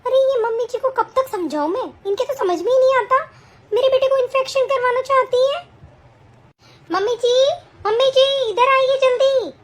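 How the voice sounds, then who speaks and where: A woman's voice: extremely high pitch, moderate pace, noisy background. A woman playing a demanding young mother who bosses her in-laws around, scolding and commanding in an amateur family drama. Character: young mother daughter-in-law, bossy and demanding.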